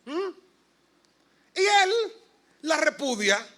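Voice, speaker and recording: A man, a pastor, preaching a sermon to his congregation. He swings from soft asides to loud, emphatic bursts and puts questions straight to the listeners. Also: extremely high pitch, sing-song, extremely slow. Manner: addresses the congregation directly with questions. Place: church sanctuary.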